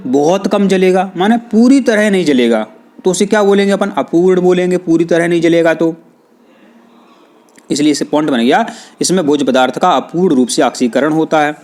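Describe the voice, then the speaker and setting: A man. He keeps asking his students questions and then answers them himself, going back over each point in an unhurried classroom manner. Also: sits high, darkish tone. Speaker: teacher. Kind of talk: classroom explanation.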